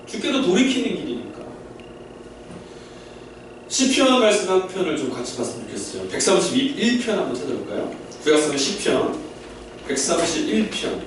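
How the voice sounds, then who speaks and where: Echoey, lively-voiced man preaching. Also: on the high side, moderate pace, slight background noise. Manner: explains warmly to a mixed-age congregation, asks the room questions. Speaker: pastor. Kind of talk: sermon. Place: church sanctuary. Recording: very echoey hall, distant mic.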